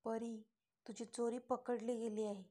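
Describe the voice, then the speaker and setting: A woman's voice: a little high, flat delivery, a little slow, mellow. A woman voicing a flustered young woman who stammers and snaps back defensively.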